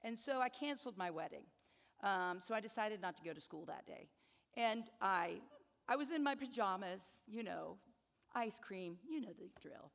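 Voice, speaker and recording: A woman in her fifties giving a speech to new students, telling personal stories in an animated, humorous way. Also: mid-range voice, normal speed, creaky, big-room sound. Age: 50s. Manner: storytelling, animated, laughs at her own stories. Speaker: convocation speaker.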